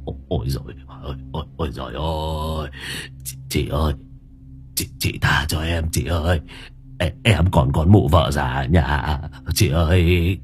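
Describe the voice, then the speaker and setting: A man's voice: extremely low pitch, normal speed, a little mellow, soft background music, pitched below the performer's own voice. A man voicing a terrified old drunk village man in an audio story, stammering and pleading.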